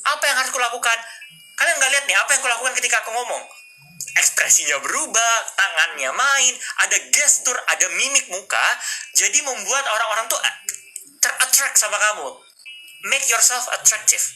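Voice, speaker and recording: A man's voice: very high voice, animated, fairly quick, sharp tone, soft background music. A man hosting a casual live stream, coaching viewers on public speaking and mixing English phrases into his talk. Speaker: livestream host. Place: indoors at a desk with a laptop.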